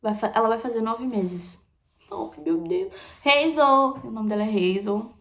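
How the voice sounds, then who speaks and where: A young woman from Brazil chatting candidly in a casual vlog, repeating phrases and dropping into soft asides. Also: fairly high pitch, animated, normal speed, vocal fry. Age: young adult. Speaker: vlogger. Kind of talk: casual confessional chat.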